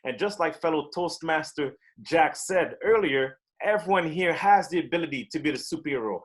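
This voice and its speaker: A man's voice: fairly high pitch, expressive, normal speed. A man giving a motivational impromptu speech at a club meeting, using rhetorical questions. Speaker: meeting participant answering a table topic.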